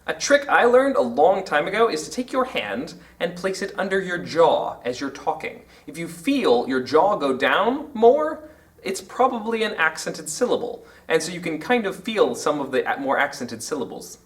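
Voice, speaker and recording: A man explaining poetry terms in an educational video lesson, with emphatic, drawn-out example words. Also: high-pitched, sing-song, far from the mic.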